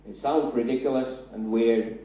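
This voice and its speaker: This voice is mid-range, steady and warm, moving at a moderate pace. It belongs to a Finnish man in his thirties, a native Finnish speaker with the accent to match, chatting through a self-deprecating conference talk onstage in a large hall with a handheld mic. The sound is echoey and distant from the mic.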